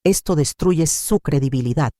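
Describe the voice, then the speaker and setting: A man's voice: fairly high pitch, moderate pace, dark tone, no echo, studio quality, close to an everyday voice. A woman voicing a determined, protective male lawyer who speaks firmly and earnestly in a storybook narration. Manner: firm and earnest.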